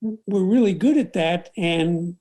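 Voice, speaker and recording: An older man, a photographer, telling stories from his career in an unhurried interview, with many fillers and restarts. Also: high voice, mellow. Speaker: documentary photographer. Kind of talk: reflective storytelling interview.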